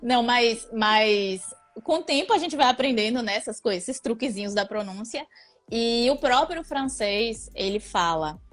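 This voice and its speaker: A woman's voice: fairly high pitch, lively intonation, moderate pace, soft background music. A young woman from Brazil with a Bahian accent, chatting casually as an interview guest and laughing often. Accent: Bahian Portuguese.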